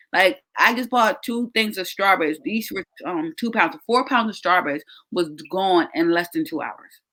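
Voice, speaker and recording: A woman in her thirties hosting a casual chat, telling stories in an animated way and laughing often. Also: mid-range voice. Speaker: host.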